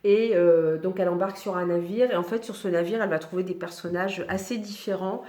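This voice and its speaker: A woman's voice: fairly low pitch, fairly quick, mellow. A woman chatting casually about books she has read, hesitating often with fillers and restarts. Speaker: book vlogger. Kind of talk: casual book review chat. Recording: echoey room.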